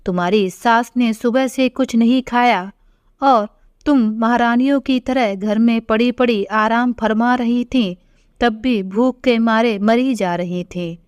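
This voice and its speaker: Stern mother-in-law, read by a woman, slow and higher-pitched, sharp-tongued, dull lo-fi sound. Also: clear, resonant tone, no echo, studio quality, lightly acted. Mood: scolding. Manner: sharp, taunting, then doting to her daughter. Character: stern scolding middle-aged mother-in-law. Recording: dull lo-fi recording.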